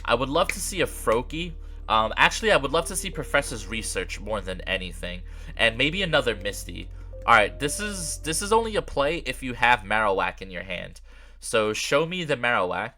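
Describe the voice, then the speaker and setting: A young man with a congested, nasal voice from allergies, chatting casually through a card game with frequent fillers and throat clearing. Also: mid-range voice, very animated, normal speed, pushed and bright, soft background music. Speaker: gaming creator. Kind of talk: casual gameplay commentary.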